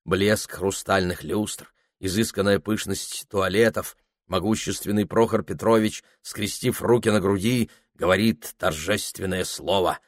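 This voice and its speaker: A man narrating a literary audiobook in a measured, grave storytelling manner. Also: low-pitched, dry recording, studio quality.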